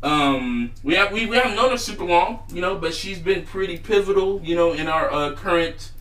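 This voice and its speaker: A man's voice: high-pitched, moderate pace, a bit bright, roomy sound, far from the mic, poor audio. A man hosting a casual chat podcast, talking in a laid-back, rambling way and laughing often. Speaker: podcast host.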